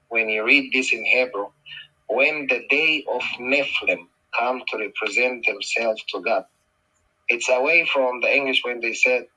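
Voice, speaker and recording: Male guest speaker, Tongan accent, bright and forceful. Emphatic religious explainer who repeats key phrases. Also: medium pitch, poor audio. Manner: emphatic, repeats phrases, poses rhetorical questions.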